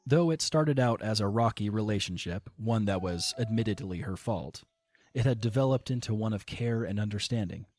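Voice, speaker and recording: A man narrates an audio drama, reading scripted story narration in a measured storytelling manner over music. His voice is lowish, animated and darkish in tone.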